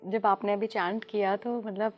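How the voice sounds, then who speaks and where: A woman's voice: medium pitch, flat delivery, normal speed, lo-fi sound. A woman hosting a podcast, asking curious, respectful questions. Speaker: podcast host. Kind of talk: podcast interview.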